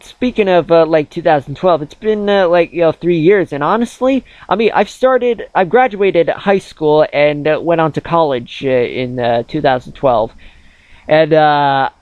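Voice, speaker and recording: Early-20s male gaming host, slightly high voice, filler-heavy rambling chat, dull dry mic. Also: measured pace, a little mellow, no echo. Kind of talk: casual chat over gameplay.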